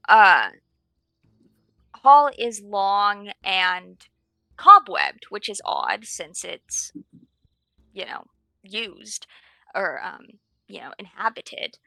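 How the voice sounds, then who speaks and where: A woman runs a tabletop game, describing each scene slowly and with care. Her voice is bright and carries a gravelly fry. It sounds dry and close, with faint music playing behind her. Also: mid-range voice, no echo, poor audio. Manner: unhurried, descriptive scene-setting. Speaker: game master.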